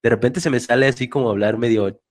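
A man from Reynosa with a softened northern Mexican accent, chatting casually in an easy storytelling way. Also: medium pitch, steady tone, fast talker. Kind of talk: casual chat.

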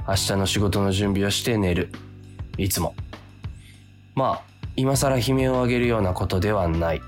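A man with a fairly low, natural voice plays a weary, easily tempted office worker narrating a comic radio drama. He grumbles in resigned, self-deprecating fashion.

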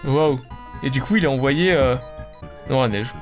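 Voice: mid-range voice, normal speed. A YouTuber doing let's-play commentary, casual and sarcastic, swearing and joking while playing. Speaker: video game YouTuber. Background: game music.

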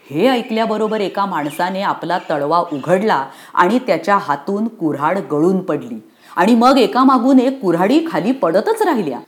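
A woman narrating a storybook in an expressive, rhythmic reading. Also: mid-range voice.

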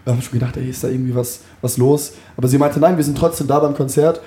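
A man's voice: mid-range voice, fairly even intonation, fast, warm tone, reverberant. A young man telling a rambling, slangy story in a casual podcast chat from a backstage dressing room. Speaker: podcast co-host.

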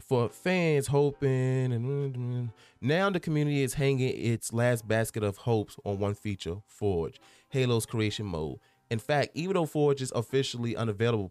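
Male podcast host, lowish voice, casual and rambling, stumbles over words, faint music underneath. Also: a little mellow, clean tone. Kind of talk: casual gaming podcast talk, reading out a news article.

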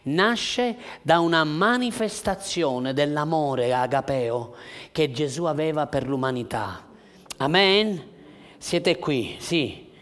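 Male pastor, high-pitched, unhurried delivery, passionate sermon with loud and hushed swings. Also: animated. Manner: impassioned, rhetorical questions, swings from loud to hushed.

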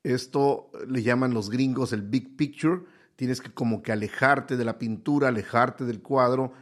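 A middle-aged man giving a casual motivational talk, conversational and repeating phrases for emphasis. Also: medium pitch.

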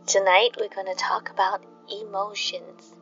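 A woman narrates in the soothing manner of a bedtime sleep story, gently addressing her listeners. Her voice has a creaky, fried edge at a medium pitch. The recording is a little dull, with faint music playing behind her. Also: little pitch movement, unhurried. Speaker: host of a sleep podcast.

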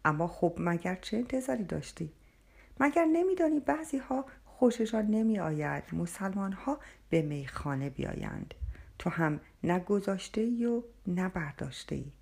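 A woman voicing a worried, fatherly tavern keeper who gently scolds a customer, in a storybook reading. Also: mid-range voice, sing-song, gravelly, breathy edge, full character voice. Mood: chiding.

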